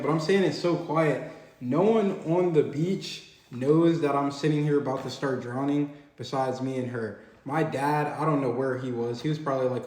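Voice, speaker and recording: A young man telling a personal story in casual, slangy, animated conversation. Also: medium pitch, roomy sound, poor audio.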